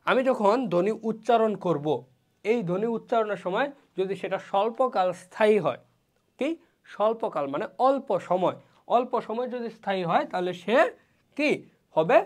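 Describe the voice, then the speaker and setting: A teacher walks through an online class lecture step by step. The speaker asks questions and answers them, and sounds out each vowel slowly as an example. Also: mid-range voice.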